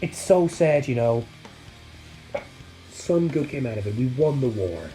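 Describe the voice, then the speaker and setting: A man tells an absurd online war story as a comedic vlog, jumping from excited yelps to hushed, mock-grieving mutters. His voice sits in a middle range, and soft music plays underneath. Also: mid-range voice, a little slow, rough recording. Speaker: YouTuber.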